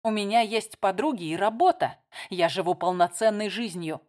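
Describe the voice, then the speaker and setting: A woman's voice: medium pitch, moderate pace, darkish tone, lightly acted. A woman reading a novel aloud, voicing a tired, defensive older sister. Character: weary married woman, guarded older sister.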